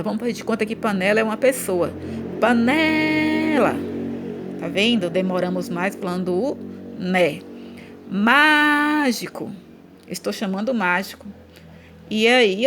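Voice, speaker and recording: A woman's voice: medium pitch, moderate pace, soft background music. A woman with a Brazilian Portuguese accent teaching a grammar lesson for children, speaking patiently and stretching out syllables when she chants example words.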